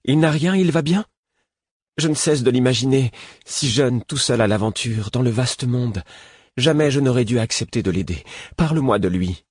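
A man's voice: mid-range voice, expressive, moderate pace, slightly rough, no room sound, clean studio sound, voice pushed up. A man voicing a fierce, anxious young woman in an audiobook, pleading and urgent. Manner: pleading, then commanding and shouting. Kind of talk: audiobook character voice.

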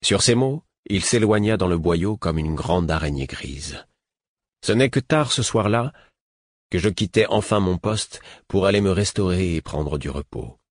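A man narrating a novel in a measured, low storytelling manner. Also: expressive, no echo, clean studio sound. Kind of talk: audiobook narration.

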